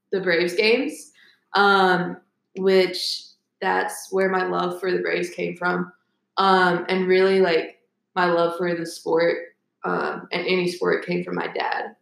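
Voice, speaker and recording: Chatty young woman with a creaky voice. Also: lowish voice, roomy sound, rough recording. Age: 20s. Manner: chatty, rambling with fillers. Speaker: guest. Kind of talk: casual podcast chat.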